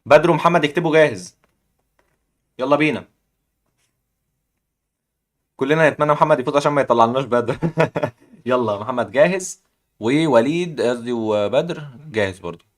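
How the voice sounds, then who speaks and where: Fast-talking Egyptian man hosting chess. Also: mid-range voice. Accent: Egyptian Arabic. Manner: excitable, cheering players on. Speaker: chess stream host. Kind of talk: live chess puzzle commentary.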